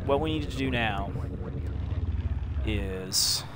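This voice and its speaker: A man's voice: fairly low pitch, lively intonation, takes it slowly, noisy background. A man with a slight lisp, giving casual, rambling commentary while playing a video game, full of ums and restarts. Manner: rambling and chatty, with many fillers and restarts. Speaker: gameplay commentator. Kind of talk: casual let's-play commentary. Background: game music.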